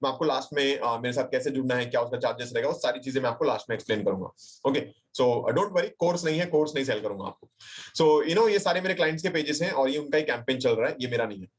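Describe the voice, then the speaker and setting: A man's voice: medium pitch, fast talker. A young man with an Indian accent teaching a live webinar tutorial, chatty and reassuring, mixing English phrases into his talk and checking in with viewers. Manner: reassuring, addresses viewers directly and reads chat replies aloud. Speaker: digital marketing trainer. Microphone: computer mic on a webinar call.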